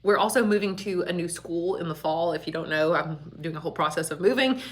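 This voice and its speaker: A fast-talking woman with a fairly low pitch, a school librarian, chats casually on video and laughs a great deal. Her words echo off the walls of an empty back storage room.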